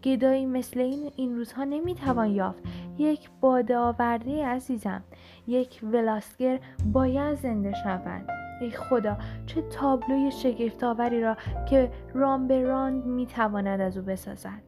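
A woman voicing an excitable, brusque middle-aged male painter in an audiobook reading, exclaiming emphatically. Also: fairly high pitch, lightly acted. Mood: excited. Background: background music.

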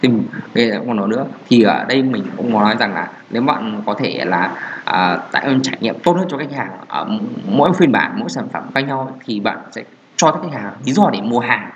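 A man's voice: mid-range voice, animated, a little fast. A man talks through a solo podcast in a loose, rambling way. He stops often on fillers and restarts his sentences. The audio is a little dull, with a faint hiss of noise behind him. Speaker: podcast host. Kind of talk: casual solo podcast talk on marketing.

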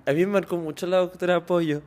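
A young man with a Chilean accent, co-hosting a podcast in an animated, campy, giggly way. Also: sits high, fast talker. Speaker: podcast co-host. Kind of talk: casual chat.

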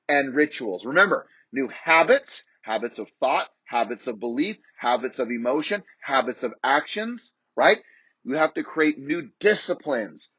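A man's voice: a little high, fairly bright tone, breathy edge, no room sound, lo-fi sound. A man coaching real estate agents in an emphatic, repetitive motivational talk.

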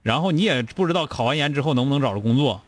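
A man's voice: mid-range voice, animated, rapid-fire. A man with a Northeastern Chinese accent hosting a call-in advice show, blunt and scolding, firing rhetorical questions. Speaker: radio call-in show host.

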